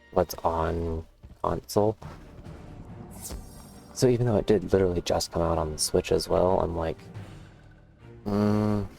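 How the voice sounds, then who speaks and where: Low-voiced, gravelly man chatting over a game. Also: darkish tone. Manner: rambling, musing. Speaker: gamer, let's play host. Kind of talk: casual video game commentary. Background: faint game music.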